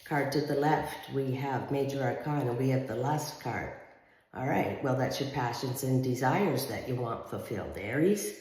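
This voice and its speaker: A woman's voice: a bass voice, animated, normal speed, darkish tone. A woman giving a casual, conversational tarot reading in an empty house, with big hall echo around her voice. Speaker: tarot reader.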